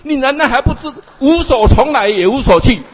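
A man's voice: very high voice, animated, brisk, breathy edge, pitched above the performer's own voice, exaggerated voice. A man voicing a stern male bodhisattva teacher who scolds his pupil in a sing-song, exasperated way, heard in a dull, echoey hall recording. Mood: scolding.

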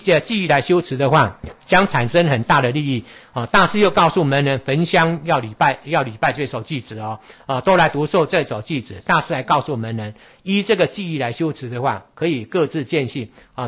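Husky lecturer, halting delivery. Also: male voice, fairly high pitch. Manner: halting, repeats words, many filler particles. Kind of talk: Buddhist scripture lecture. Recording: dull lo-fi recording.

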